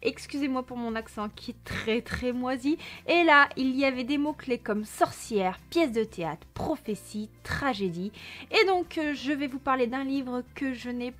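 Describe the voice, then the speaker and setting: A woman's voice: sits high, unhurried, a bit bright. A young woman presents her reading list in a chatty, enthusiastic vlog, with frequent fillers. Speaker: book vlogger. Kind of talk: casual book haul presentation.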